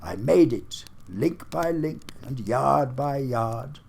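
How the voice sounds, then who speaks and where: A man voicing a doomed, chained ghost of an old businessman, who speaks in a slow, solemn, wailing lament. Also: medium pitch, animated, creaky, a little mellow, voice pushed up, heavily acted. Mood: mournful.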